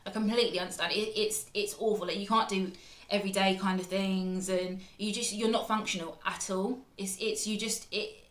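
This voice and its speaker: A woman's voice: mid-range voice, steady tone, moderate pace. Chatty British young woman, echoey room. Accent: British English. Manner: dramatic, chatty retelling with frequent fillers. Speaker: vlogger. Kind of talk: storytime vlog.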